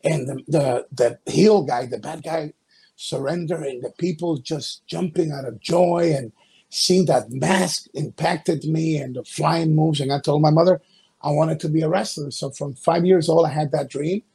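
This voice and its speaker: A middle-aged Ecuadorian man who is both a wrestling promoter and a pastor answers interview questions haltingly, using many fillers. His voice is a little high, gravelly, and mellow, with a breathy edge.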